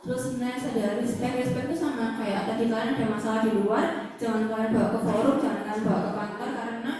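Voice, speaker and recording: A woman's voice: on the high side, fairly even intonation, fast, crowd noise. A young woman, giving a chatty talk to students as a guest speaker, full of filler words. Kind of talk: talk to a campus audience. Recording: echoey hall, far from the mic.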